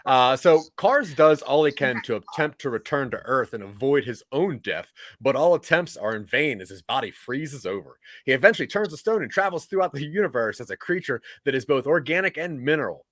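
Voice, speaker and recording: Man recapping a show, animated and laughing. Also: mid-range voice, fairly quick, few pauses, no echo. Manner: lively storytelling, laughing between lines. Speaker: podcast co-host summarizing the episode. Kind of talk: casual recap of a TV season.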